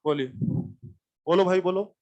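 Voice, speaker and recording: A man's voice: sits high, fairly even intonation, measured pace, a little mellow, dull audio. A man teaching physics to a live class, explaining circuits step by step, repeating points and telling students to sit down and listen. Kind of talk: classroom lecture.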